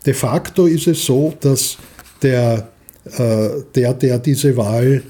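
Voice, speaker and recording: A man's voice: mid-range voice, slow pace, mellow. A man in his seventies with an Austrian accent, answering as a studio guest, hesitant, with many fillers and restarts. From Austria, Vienna. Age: 70s. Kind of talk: interview answers.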